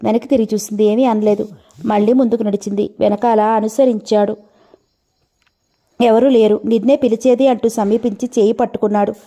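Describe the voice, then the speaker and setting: A woman's voice: mid-range voice, fairly even intonation, a little fast, mellow. A woman narrating an old family novel as an audiobook, telling the story steadily and speaking every character in her own voice.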